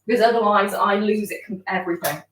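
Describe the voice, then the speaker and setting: A woman's voice: medium pitch, quick pace, a bit bright. Woman, casual explainer, hesitant ums, echoey room, distant mic. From outside Denmark. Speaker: aquascaper. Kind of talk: casual chat while planting a tank.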